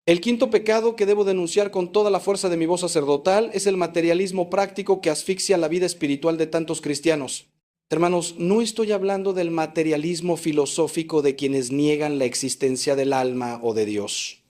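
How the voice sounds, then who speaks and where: A man's voice: fairly high pitch, steady tone, brisk, darkish tone. A man preaching a sermon as a priest, emphatic, with sweeping rises and falls in his delivery.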